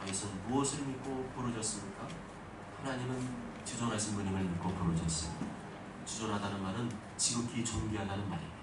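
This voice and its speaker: A male pastor giving an emphatic sermon that rises to loud exhortations, in a church sanctuary. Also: fairly low pitch, fast. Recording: echoey hall, distant mic, noisy.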